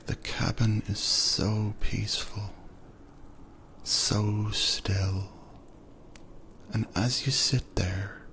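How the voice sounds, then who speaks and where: A man narrating a second-person sleep story in a soft, soothing voice that often drifts into whispers. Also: lowish voice, fairly even intonation, very slow, long pauses, slight background noise.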